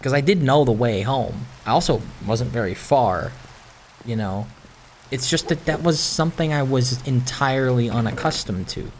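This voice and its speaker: This young man makes gaming videos, sharing personal stories over gameplay with candid, casual rambling. He sounds introspective, hesitating and second-guessing himself, in a medium-pitched voice against a little background noise.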